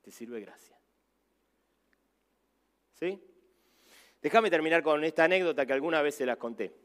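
A man in his fifties, a pastor with a Rioplatense Spanish accent, preaching a sermon and telling stories in an animated way, acting out voices. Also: on the high side, normal speed. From Argentina. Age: 50s. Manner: animated storytelling, acts out voices.

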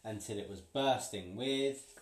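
A man reading a picture book aloud to a child, playful and pausing so the child can finish sentences. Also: on the low side. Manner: playful, pauses for the child to fill in words. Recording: roomy, from a distance.

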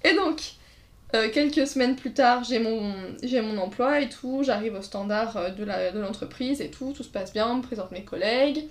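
A woman's voice: on the high side, moderate pace. A woman telling casual anecdotes in a chat, acting out quotes and laughing along. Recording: roomy echo.

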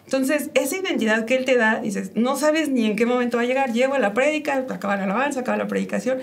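Woman, middle-aged, gravelly voice, fairly high, emotional faith testimony. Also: quick pace. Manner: emotional, with frequent fillers and quoted inner speech. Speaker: guest sharing her testimony.

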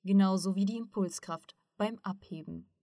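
A calm, learned male mentor, read by a woman narrating an audiobook explains things patiently in a steady, mid-pitched voice. The sound is dry and close. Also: normal speed, no echo, close to an everyday voice. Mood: explaining.

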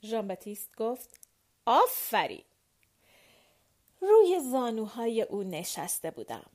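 A woman reads a first-person novel aloud as an audiobook. Her voice sits fairly high, and she tells the story with clear, expressive phrasing, dropping softer in intimate moments. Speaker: audiobook narrator.

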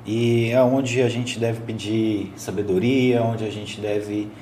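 Guy asking short soft follow-ups, mellow low tone, slight hiss. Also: steady tone, slow, low-quality recording. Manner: quiet, brief follow-up questions. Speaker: interviewer.

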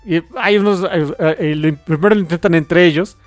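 Man, podcast co-host, high and expressive, retells comic scenes with voices, dry close mic. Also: moderate pace, no room sound, faint music behind. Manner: animated retelling with acted-out quotes. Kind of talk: casual comic book chat.

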